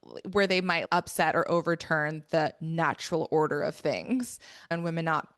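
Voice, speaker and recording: Low-voiced woman co-hosting a book podcast. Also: steady tone, normal speed, dry recording, studio quality. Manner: thoughtful, emphatic, many fillers. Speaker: podcast co-host. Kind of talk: casual book discussion.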